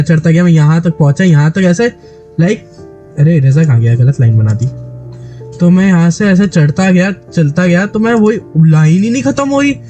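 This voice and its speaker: A man's voice: sits high, dark tone. A man from Delhi with a sore, dry throat, animatedly telling a story to a friend in casual chat, with many restarts. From Delhi, India. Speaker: gaming YouTuber.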